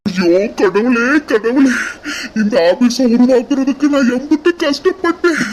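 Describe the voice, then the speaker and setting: A performer doing a furious middle-aged father in a cartoon, ranting and lamenting in an unusually high voice with a Kanyakumari Tamil accent. A faint hiss sits behind him. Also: animated, a little slow, darkish tone.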